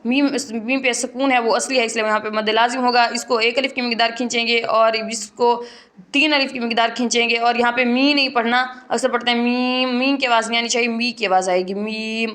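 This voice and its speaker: A woman's voice: fairly high pitch, flat delivery, a bit bright. A woman teaching a tajweed lesson, patiently explaining rules and drawing out letter sounds to demonstrate them. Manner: patient, repeats points, demonstrates letter sounds slowly and clearly. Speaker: Quran recitation teacher.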